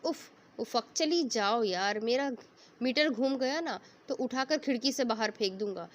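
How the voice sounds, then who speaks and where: A woman's voice: a little high, animated, a little slow. A woman reading as a curt, annoyed young man. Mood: irritated. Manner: curt, scolding. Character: irritable young man brushing off a pest.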